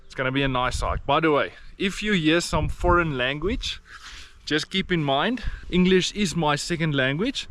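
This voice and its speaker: This hiking vlogger from South Africa has an Afrikaans accent and a voice on the high side, a bit bright, at normal speed. He narrates casually outdoors on a rainforest trail, plain and encouraging, and leans on fillers a lot.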